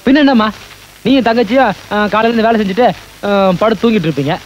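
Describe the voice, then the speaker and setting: An actor playing a cheeky, hard-drinking village coconut climber who talks with cocky bluster. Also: male voice, sits high, animated, quick pace, a little hiss or hum, low-quality recording. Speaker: film actor.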